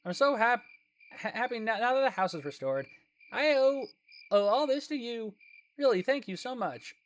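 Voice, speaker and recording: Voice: mid-range voice, lively intonation, moderate pace, voice pushed up, lightly acted. A gamer voicing a friendly, chatty villager from a video game, in a slightly raised voice. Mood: grateful.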